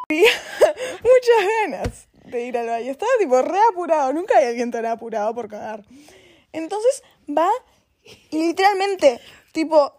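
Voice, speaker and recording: A woman's voice: sits high, darkish tone. A young woman with a Rioplatense Spanish accent, chatting casually in a rambling, giggly way full of fillers. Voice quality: giggly, bursts of laughter. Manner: fast, rambling, peppered with fillers. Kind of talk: casual chat.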